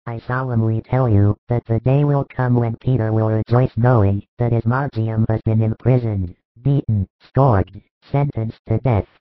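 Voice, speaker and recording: A man voicing Jesus as a solemn, gentle teacher with measured authority in a dramatized scripture story. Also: mid-range voice, steady tone, no room sound, close to an everyday voice. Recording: muffled, phone-like audio.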